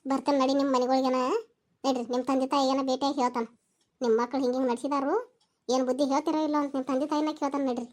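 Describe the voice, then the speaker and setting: An enraged village mother, played by a woman, delivers a loud, high-pitched scolding at a quick clip. She speaks with a North Karnataka Kannada accent in a comic skit. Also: level tone, close to an everyday voice. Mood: furious.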